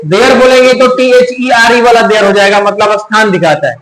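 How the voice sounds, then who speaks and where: A man's voice: sits high, fairly even intonation, fairly quick, a loud crowd. A man teaching a grammar lesson to a class, asking questions and repeating the students' answers, switching between Hindi and English terms. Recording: echoey classroom, faint room noise.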